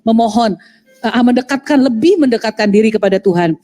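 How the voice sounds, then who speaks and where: Halting woman giving testimony. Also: fairly high pitch, warm tone, soft background music. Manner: halting, many fillers and restarts. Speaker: guest sharing testimony. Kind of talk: emotional personal testimony.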